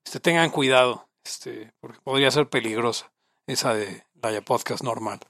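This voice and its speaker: A man's voice: medium pitch, normal speed, fairly bright tone, no echo, studio quality. A man with a Mexican accent hosting a podcast in casual chat, talking loosely and reading listener questions. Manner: chatty, reads listener questions aloud. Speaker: podcast host.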